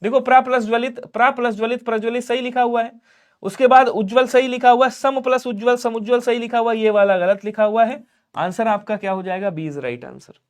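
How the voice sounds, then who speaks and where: High-voiced man teaching a grammar lesson. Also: fairly even intonation, fairly quick. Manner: explains step by step, asks students questions and answers them; urges viewers to like and subscribe. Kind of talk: online exam-prep lesson.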